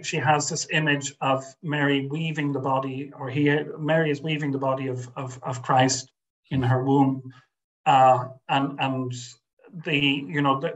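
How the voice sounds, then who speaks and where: The audio is poor as an older Irish man, a guest scholar, speaks at medium pitch over a webcam video call from his home study. He's thoughtful but hesitant, full of restarts and fillers.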